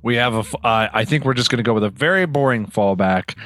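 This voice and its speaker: A man's voice: medium pitch, quick pace, fairly bright tone, no room sound. A man who is a player in a casual tabletop game, talking playfully.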